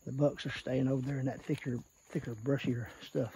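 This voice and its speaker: A man's voice: mid-range voice, steady tone, a little fast, warm tone, rough recording. A man with an Arkansas Southern accent talks casually and plainly, folksy in manner, pointing things out as he explains deer scouting in the woods. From Arkansas, United States. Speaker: deer hunter giving scouting tips. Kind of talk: casual outdoor vlog, explaining while scouting. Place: outdoors in the woods. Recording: outdoor field recording with faint natural noise.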